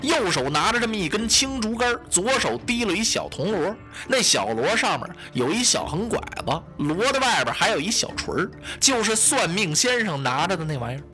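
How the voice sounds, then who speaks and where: A man narrating a traditional story in a lively, dramatic way, voicing the sound effects himself. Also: sits high, normal speed, few pauses, soft background music.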